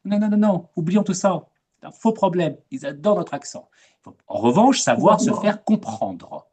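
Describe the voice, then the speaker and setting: A man with a French accent and a high, slightly breathy voice moderates a webinar over a video call at normal speed. He works as an expat coach and talks conversationally, hesitating and repeating words as he goes, with animated emphasis.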